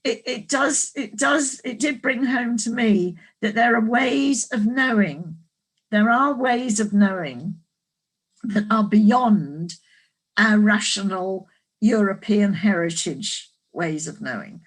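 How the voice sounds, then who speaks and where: Husky woman telling a story. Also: mid-range voice, low-quality recording. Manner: reflective storytelling, halting. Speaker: author and guest. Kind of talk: casual panel discussion.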